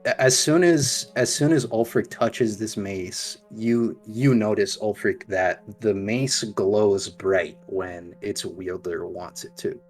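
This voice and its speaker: A young man with a slightly low voice narrates as dungeon master. He gropes for words and restarts his sentences. Faint music plays underneath. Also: takes it slowly, hardly any pauses. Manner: hesitant, restarts while describing. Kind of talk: running a tabletop game.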